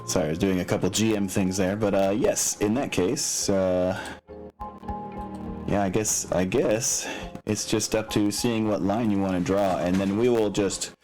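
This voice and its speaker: Acting as game master, this man explains tabletop mechanics in a relaxed way, hesitating a bit as he thinks out loud. His voice is lowish, steady in tone and a little slow, with background music behind him.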